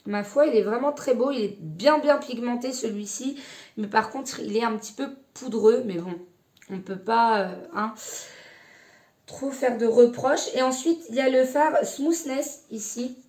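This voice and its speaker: A woman beauty vlogger casually reviewing an eyeshadow palette, talking in a hesitant, chatty way with many pauses and restarts. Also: fairly high pitch, darkish tone.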